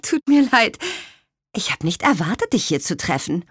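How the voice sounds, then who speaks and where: A woman voicing a young female apple witch in a storybook reading, speaking high, bright and eager. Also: sing-song, moderate pace, slightly rough, dry recording, clean studio sound. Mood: snippy.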